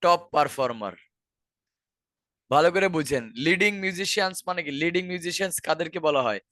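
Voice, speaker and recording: A man's voice: on the high side, a little fast, fairly bright tone, no room sound. A man with a Bangladeshi accent teaching an online exam-prep class, explaining answers step by step and repeating key words. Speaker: IELTS teacher.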